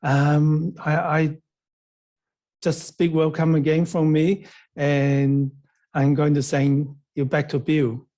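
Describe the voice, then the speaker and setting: A man leading an online tai chi class, giving calm, step-by-step movement cues. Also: a little high. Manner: slow, calm, step-by-step cueing. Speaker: tai chi teacher and workshop leader.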